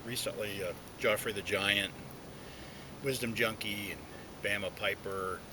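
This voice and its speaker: A man chatting casually and reflectively to viewers outdoors, in a halting way, talking around a pipe in his mouth. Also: steady tone. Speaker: pipe smoking video blogger. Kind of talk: casual solo chat to viewers. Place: outdoors, sitting inside a hollow tree. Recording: noisy outdoor recording with low rumble.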